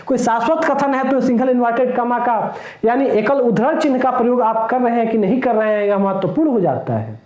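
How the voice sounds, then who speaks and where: A male teacher giving a lecture in a classroom, explaining slowly, repeating his points and asking the class rhetorical questions. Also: very high-pitched, darkish tone, roomy sound.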